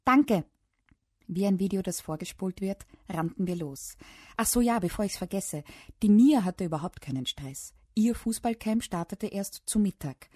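Husky woman reading a children's book. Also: medium pitch, normal speed, no room sound, clean studio sound. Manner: lively, playful storytelling. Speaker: audiobook reader. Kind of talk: children's audiobook narration.

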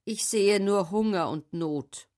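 A woman's voice: medium pitch, slow pace, darkish tone, voice pushed up, natural voice. A woman voicing a poor old male beggar who speaks humbly and pleadingly in a storybook reading. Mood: humble.

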